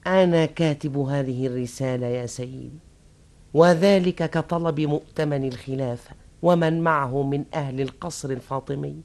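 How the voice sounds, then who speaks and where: Higher-voiced actor as pleading captive. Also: male voice, a little mellow, natural voice. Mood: submissive confession. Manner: deferential, deliberate. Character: captured ragged goldsmith courier, pleading and submissive. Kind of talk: historical drama in classical Arabic.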